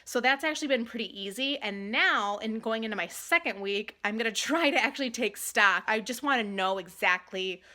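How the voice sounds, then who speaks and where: A woman's voice: a little high, a little fast, few pauses, pushed and bright. A woman vlogger talking in a casual video diary style, chatty, candid and a little self-deprecating.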